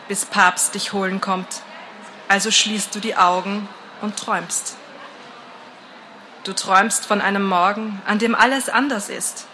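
A woman reads a first-person story at an unhurried, deliberate pace. Her voice is bright and clear, and her reading stays calm, measured and atmospheric. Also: medium pitch, slight background noise, low-quality recording. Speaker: narrator.

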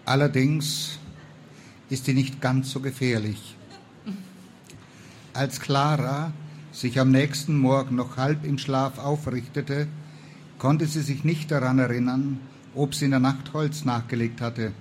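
A man reading a historical novel aloud in a calm, even storytelling manner. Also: medium pitch, measured pace, a little hiss or hum. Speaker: reader.

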